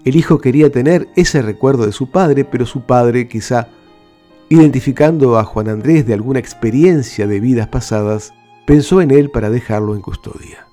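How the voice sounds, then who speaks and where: Guy radio host reading listener mail, calm and steady, warm dark voice, bit of quiet music behind. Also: mid-range voice, moderate pace.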